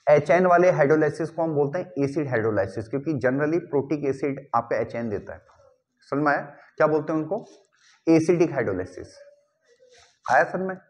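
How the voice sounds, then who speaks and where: A man's voice: a little high, lively intonation, fairly quick. A man teaching a chemistry class, who keeps asking the students whether they understand and mixes English phrases into his talk. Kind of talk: classroom lecture.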